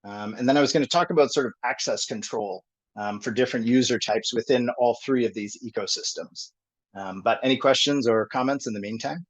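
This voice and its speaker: A man presenting a technical topic on a group call, thinking aloud with many pauses and fillers. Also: medium pitch. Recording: dull lo-fi call audio.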